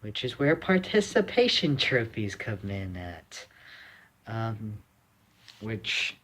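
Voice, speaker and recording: Slow, rambling low-voiced young man. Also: big pitch swings, background noise. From United States. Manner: rambling, many fillers and restarts, blunt. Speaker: vlogger. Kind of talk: casual opinion monologue.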